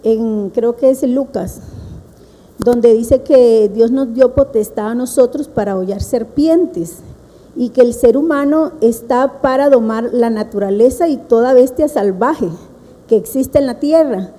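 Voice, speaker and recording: Costa rican woman telling a story at a seminar, high voice, mellow dark tone. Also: unhurried, long reverb tail, poor audio. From Costa Rica. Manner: animated storytelling, laughs at herself. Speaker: seminar speaker.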